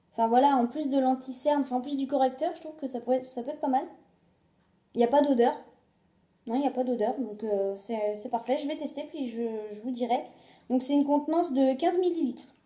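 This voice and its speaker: Speaking in a slightly high, warm voice, a vlogger shows her shopping finds in a relaxed haul video. The recording echoes, captured by a phone resting on a glass on a table. She chats hesitantly, often restarting and using many fillers.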